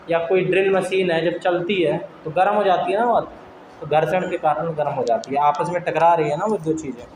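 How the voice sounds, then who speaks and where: A male science teacher giving a classroom lecture. He dictates slowly, then explains with everyday examples, often checking in with "okay", and scolds students firmly. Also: high-pitched. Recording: echoey classroom with background noise.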